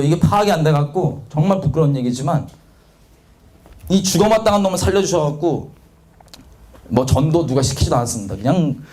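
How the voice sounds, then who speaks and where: A man delivers a confessional sermon about his own failings. His voice sits on the high side and his pitch leaps and dives constantly. He slips into the voices of the people he quotes and mocks himself bluntly. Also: mellow. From South Korea. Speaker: preacher giving testimony. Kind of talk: testimony sermon.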